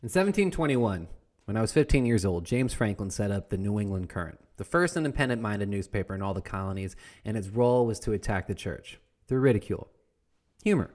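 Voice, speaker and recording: A man's voice: fairly low pitch, expressive, brisk, darkish tone, natural voice. A man playing a young colonial-era printer who teaches a comedic history lesson with a wry, playful manner. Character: young male founding-father printer as a jokey teacher.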